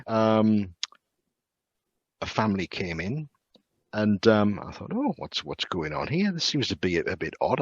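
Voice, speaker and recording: Halting low-voiced man telling ghost stories. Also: slightly rough, no room sound. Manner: halting, with repeated words and many ums. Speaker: castle guide. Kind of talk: casual storytelling. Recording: muffled lo-fi sound.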